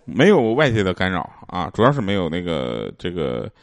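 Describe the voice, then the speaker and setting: A man's voice: deep voice, wildly swooping pitch, normal speed, no echo, clean studio sound. A man with a Northeastern Chinese accent hosting a podcast, telling casual, comedic stories to listeners in a jokey way with laughter in his talk. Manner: jokey, often laughing as he talks. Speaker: podcast host.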